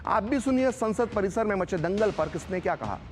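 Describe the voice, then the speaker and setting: A man's voice: high voice, lively intonation, brisk, soft background music. A male news anchor reading a scripted political report, posing rhetorical questions with emphatic delivery.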